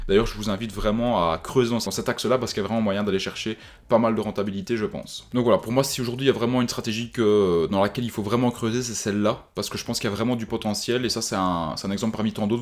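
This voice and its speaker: A man who runs an online business course, giving a casual screen-share tutorial, chatty, full of fillers and restarts, talking straight to viewers. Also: lowish voice.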